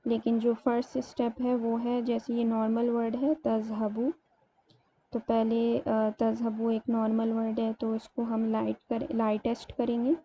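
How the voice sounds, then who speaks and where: Lady teacher walking through grammar steps, kinda flat tone, muffled lo-fi audio with a bit of hiss. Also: a little high. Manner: explains step by step, slows to spell out words. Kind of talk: grammar lesson. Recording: dull lo-fi sound, faint room noise.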